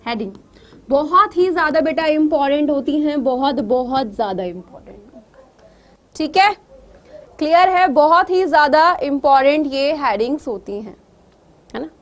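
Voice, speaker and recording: A woman teacher with a high voice gives an exam preparation lecture. She coaxes her students and keeps checking that they understand. She slips English words into her explanations. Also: moderate pace.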